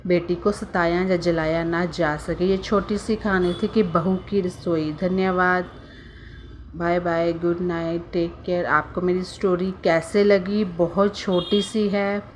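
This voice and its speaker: A woman's voice: fairly low pitch, steady tone, unhurried, slight background noise. A woman telling a family story in a casual, chatty way and adding her own opinionated moral commentary, with hesitant fillers.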